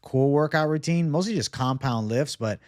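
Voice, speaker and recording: A man's voice: a little high, moderate pace, darkish tone, no room sound, clean studio sound. A man in his twenties hosting a livestream, chatting casually with viewers in slangy, sweary bro-talk. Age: 20s. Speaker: livestream host. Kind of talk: casual livestream chat, reading and answering viewer comments.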